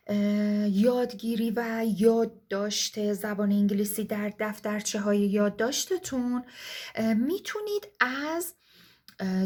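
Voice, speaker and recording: Encouraging woman teaching a video lesson. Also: a little high. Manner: encouraging, addresses viewers as kids and dear ones. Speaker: English teacher.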